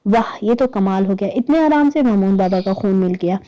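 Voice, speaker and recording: A woman's voice: mid-range voice, lively intonation, mellow, natural voice. Woman doing a bossy scheming man. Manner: bossy and threatening. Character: scheming greedy man plotting a theft.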